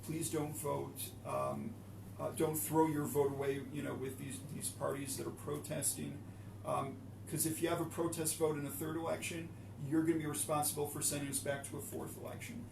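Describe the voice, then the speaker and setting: An earnest man urging people to vote, full of fillers and restarts. His voice is a touch high with a gravelly edge. It sounds distant, in an echoey room with noise behind. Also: level tone, moderate pace. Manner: earnest, pleading, many fillers. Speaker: election candidate. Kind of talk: interview answer. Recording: echoey room, far from mic, noisy.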